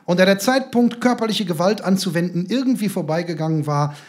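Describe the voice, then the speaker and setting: Guy reading his own funny story out loud, kinda high voice, deadpan. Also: fairly quick. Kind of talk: comic literary reading.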